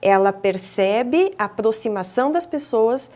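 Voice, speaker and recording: A speech therapist with a Brazilian Portuguese accent answers interview questions in a television studio. Her voice is a little high, expressive, and darkish in tone. She explains things didactically, frequently stopping on hesitant fillers and restarting phrases.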